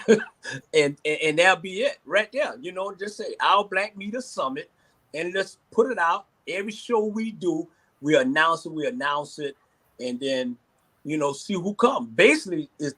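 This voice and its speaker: A man's voice: on the high side, fairly bright tone, breathy edge. A man in his sixties with a Southern American accent speaking informally as a panelist in a casual discussion, often repeating his phrases. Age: 60s.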